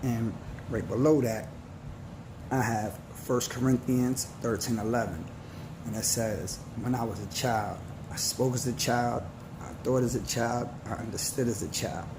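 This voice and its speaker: A man in his forties gives an earnest, slangy motivational talk, leaning on scripture and street talk as he goes. His voice is gravelly and sits at an ordinary pitch. The recording has a clear layer of background noise behind him. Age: 40s. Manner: earnest, preachy, slangy and slow. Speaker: vlogger.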